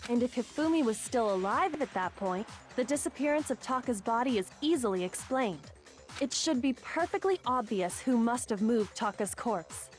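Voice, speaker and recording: A woman playing a composed, smug young woman in an anime mystery game, speaking deliberately. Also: on the high side, expressive, faint music behind, natural voice. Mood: confident. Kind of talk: anime video game dub acting.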